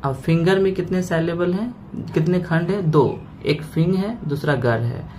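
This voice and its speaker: Teaching grammar, a man works slowly through the parts of words and checks in with "okay" each time he makes a point. There's a faint hiss or hum behind his fairly high-pitched, darkish voice.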